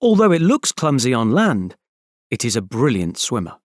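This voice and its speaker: A man reads as an exam announcer in a scripted style. His intonation moves widely around a medium pitch, and the sound is very dry. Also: huge pitch swings, moderate pace, dry recording. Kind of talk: scripted exam instructions and narration.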